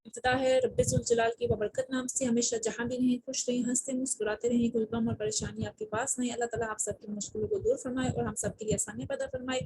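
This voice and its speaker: Lady quran teacher, kinda high voice, quick talk then slow syllable drills, faint hiss behind. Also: fairly even intonation, warm tone, poor audio. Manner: slow, drilled letter-by-letter recitation; brisk, fluent explanations. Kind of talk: online tajweed lesson.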